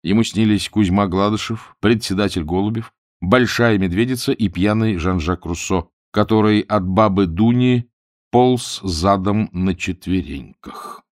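A man narrating a humorous novel as an audiobook reader, telling it in a lively, expressive way. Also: on the low side, unhurried, no room sound, studio quality.

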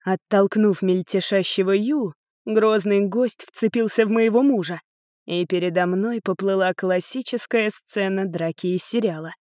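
A woman reading a novel aloud in a calm, detached narrating voice. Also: medium pitch, unhurried, no echo, studio quality. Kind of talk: audiobook narration.

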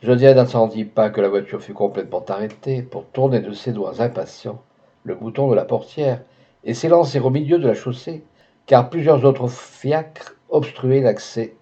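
A man reading a novel aloud in an even, measured narration. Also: medium pitch, muffled recording. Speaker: audiobook reader.

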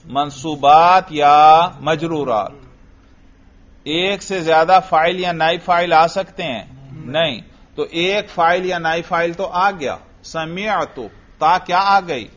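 A man's voice: a little high, a bit bright. Man, teacher, grammar lesson, drills a student with questions, muffled lo-fi recording. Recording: dull lo-fi audio.

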